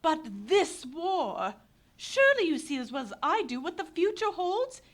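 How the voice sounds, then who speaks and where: In a live radio play, an actress voices a fiery, idealistic young Englishwoman who is a passionate pacifist, speaking in declamatory bursts. Her voice is very high and sing-song with a measured pace, and the performance is heavily acted.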